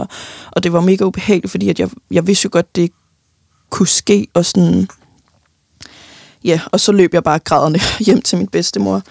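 Young woman with a gravelly voice, halting. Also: on the low side, a little mellow, no echo, clean studio sound. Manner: halting, many fillers and restarts, tearful at times. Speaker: interviewee. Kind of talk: personal grief account.

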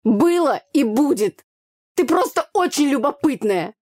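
A sulky teenage boy, played by a woman narrator, barking short, rude retorts. Her voice is mellow and a little raised, recorded close and dry for an audiobook. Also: fairly low pitch, moderate pace, husky, no room sound. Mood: snapping, sulky. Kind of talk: audiobook character voice.

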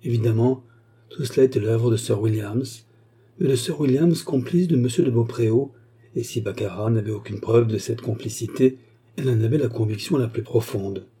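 A male narrator reads a classic novel in a measured, expressive manner. His voice is deeply dark and mellow, with a husky edge. The delivery is scripted audiobook narration.

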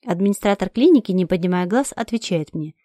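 A woman reads a first-person story in an urgent, emotional voice. Her pitch sits in the middle range for a woman. The recording is dry and close, with almost no room sound. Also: expressive, a little fast, warm tone, no echo. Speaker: narrator. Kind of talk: first-person audiobook reading.

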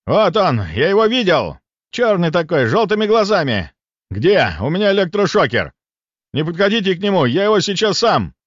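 A man doing brash, shouting monster hunters. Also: fairly high pitch, normal speed, few pauses, dry recording, voice pushed up. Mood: excited shouting. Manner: shouting, excited. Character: rowdy male monster hunters, loud and brash. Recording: dull lo-fi dry audiobook recording.

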